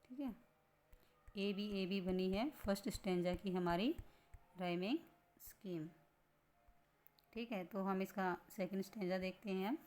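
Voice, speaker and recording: A woman teaching a school lesson at an unhurried, deliberate pace. She repeats each point patiently and keeps asking rhetorical questions as she works through the material. Her voice sits at a middle pitch. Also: darkish tone. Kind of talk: classroom lesson explanation.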